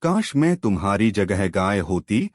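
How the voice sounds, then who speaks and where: Man doing a young daughter-in-law, cartoon story, lamenting, low voice, lively pitch. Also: a little slow, no room sound, clean studio sound. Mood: sorrowful. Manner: lamenting, self-pitying.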